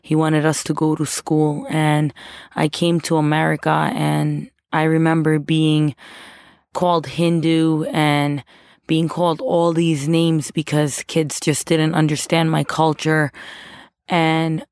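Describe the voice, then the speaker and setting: A woman's voice: deep voice, level tone, slow pace, a little mellow, dry recording. A young woman from Pakistan, raised in America, telling her personal story in a candid, conversational way. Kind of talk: personal testimony.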